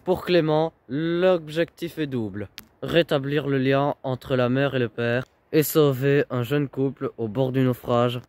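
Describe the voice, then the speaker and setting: A man giving scripted voice-over narration for a reality documentary, with dramatic, punchy phrasing and pauses. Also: medium pitch, fairly even intonation, a little mellow.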